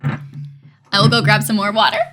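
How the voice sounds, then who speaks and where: A woman's voice: mid-range voice, level tone, a little slow, a bit bright, a little hiss or hum. A young adult woman chatting casually on a live stream, rambling with dry, self-mocking humor and frequent laughs.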